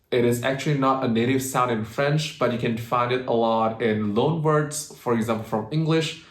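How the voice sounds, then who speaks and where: A man teaching pronunciation in an explanatory video lesson, patient and steady, and slowing down to demonstrate words. His voice sits at an ordinary middle pitch, and the room around him sounds echoey. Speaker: language teacher.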